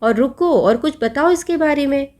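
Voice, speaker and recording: A woman's voice: high-pitched, moderate pace, darkish tone, pitched above the performer's own voice, lightly acted. A woman voicing a big, curious male elephant who calls out asking the others to stop. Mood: puzzled.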